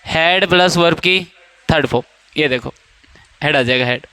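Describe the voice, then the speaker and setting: Young male coaching-class teacher, high clear voice, playful and teasing with students, dry classroom sound. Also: measured pace, bright, forceful tone. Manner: joking, teasing students, quizzing them by name. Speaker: English teacher. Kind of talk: classroom grammar lesson.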